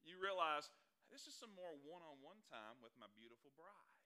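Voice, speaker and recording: Folksy pastor with a bright voice. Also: male voice, fairly high pitch, big pitch swings, normal speed. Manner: folksy, asks the congregation questions. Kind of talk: sermon. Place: church hall before a congregation.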